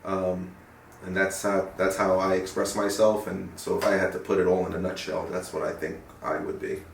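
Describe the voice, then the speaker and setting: Low-voiced young guy in an interview, thoughtful and earnest, kinda far from the mic, echoey room. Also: level tone, moderate pace, vocal fry, slight background noise. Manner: earnest, reflective, searching for words. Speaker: interviewee, paramedic. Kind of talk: sit-down interview. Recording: roomy sound from a distant mic.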